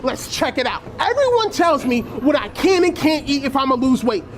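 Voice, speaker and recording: A man's voice: very high-pitched, big pitch swings, moderate pace. A man bragging in hyped slang in a food vlog clip played on a podcast. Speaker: TikTok creator.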